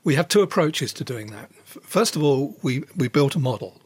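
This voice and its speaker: A man giving measured expert explanations as an interviewed scientist. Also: mid-range voice, expressive, husky, dry recording.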